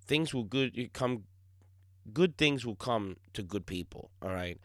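A young man hosting his own podcast, talking in a blunt, casual monologue full of swearing and filler words, his voice still slightly hoarse. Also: medium pitch, expressive, a little slow, dry recording, clean studio sound. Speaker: podcast host.

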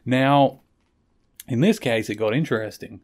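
A man's voice: medium pitch, a little slow. A man hosting a podcast, recapping an episode in a rambling, chatty way and often correcting himself. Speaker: podcast host.

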